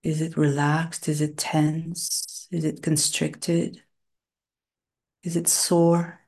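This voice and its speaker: A woman guiding a body relaxation and breathing session, speaking slowly and soothingly in short phrases with long pauses, sometimes dropping to a soft whisper. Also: sits low, little pitch movement, breathy edge. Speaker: meditation guide.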